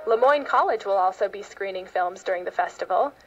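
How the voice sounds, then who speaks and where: A woman's voice: medium pitch, expressive, fairly quick, highs cut off, faint music behind. An American woman reading a scripted news feature as a public radio host and reporter.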